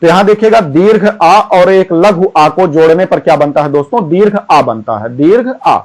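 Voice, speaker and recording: A man teaching an exam-prep grammar lesson, chanting syllables slowly one by one and often repeating a filler phrase. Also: a little high, animated, a little mellow, low-quality recording.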